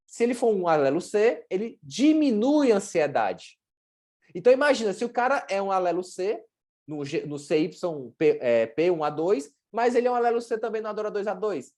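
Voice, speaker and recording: A woman's voice: mid-range voice, sing-song, normal speed, mellow. A woman with a Brazilian Portuguese accent teaching a workshop in a blunt, chatty way, with slang and acted-out examples. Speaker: workshop presenter, sports nutrition. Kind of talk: informal teaching talk.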